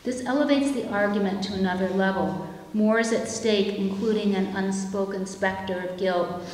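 A woman in her fifties gives a keynote lecture, reading measured and reflective prose from pages at a lectern microphone in a chapel-like hall. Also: mid-range voice, a little mellow. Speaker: keynote speaker. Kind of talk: reading a prepared lecture aloud. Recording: echoey room with long hall reverb.

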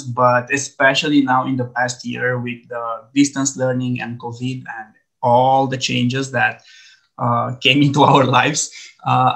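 Bright-voiced man leading a webinar. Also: mid-range voice, low-quality recording. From Romania. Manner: friendly, relaxed presenter with frequent "uh" fillers. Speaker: edtech trainer. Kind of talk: online training webinar. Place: home office, video call.

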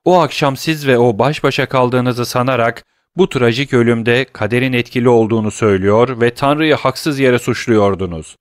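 A grief-stricken young lover hurls his accusations with rising, urgent force, as a male audiobook narrator puts him on. His voice sits higher and louder than the narration, pressing every phrase in a dry, close recording. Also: normal speed, few pauses, no echo, lightly acted. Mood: impassioned. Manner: impassioned, declaiming accusations.

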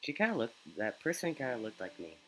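A man's voice: mid-range voice, very animated, quick pace, sharp tone, a little hiss or hum, poor audio. A man giving joking let's play commentary, making goofy asides while he plays. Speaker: gaming YouTuber.

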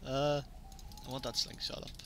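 A man giving live gameplay commentary, excitable and laughing often, getting loud when excited. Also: mid-range voice, moderate pace, slight background noise. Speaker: gaming YouTuber.

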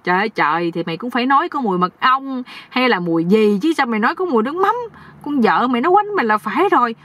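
A woman voicing a bossy older uncle who teases and scolds in a husky voice. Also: a little high, animated, quick pace, fairly bright tone, pitched above the performer's own voice. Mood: mocking. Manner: teasing, scolding.

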